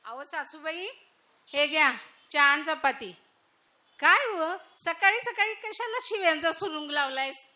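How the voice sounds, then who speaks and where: A woman playing a sharp-tongued young village daughter-in-law in a solo stage monologue. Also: sits high, expressive, measured pace, full character voice.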